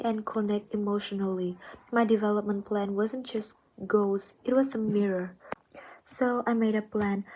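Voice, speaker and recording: Young woman from Vietnam, student narrator, soft near-whispered read, even and mellow, faint music under the voice-over. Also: mid-range voice. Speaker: postgraduate student. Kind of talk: scripted reflective narration.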